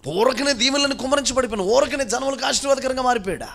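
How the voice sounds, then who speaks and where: A pastor delivers a sermon in a notably high voice for a man. He drives his points with strings of rhetorical questions, pushing some lines loud and drawing others out slow and quiet. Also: gravelly. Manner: preaching with rhetorical questions, swinging between loud and hushed.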